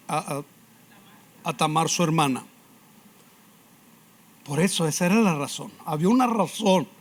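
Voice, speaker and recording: Pastor, man, slightly high voice, animated and engaging preaching style. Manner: animated preaching, frequent questions to the congregation. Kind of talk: sermon.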